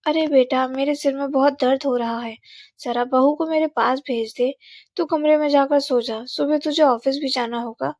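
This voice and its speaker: A woman's voice: high-pitched, fairly even intonation, moderate pace, a little mellow, no echo. A woman voicing a domineering, manipulative older mother-in-law who scolds and orders people around. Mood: bossy. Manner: scolding, bossy. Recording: slightly dull, dry recording.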